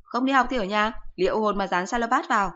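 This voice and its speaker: Brief: woman doing a scolding, mocking mother, pitched high, slightly muffled recording. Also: fast, bright, forceful tone, natural voice. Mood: scolding mockery. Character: sharp-tongued scolding middle-aged mother.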